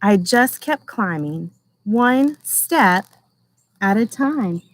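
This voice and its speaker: A woman voicing a gentle, anxious but determined egg, telling its own story in measured, expressive storybook narration. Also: medium pitch. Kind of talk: first-person storybook narration.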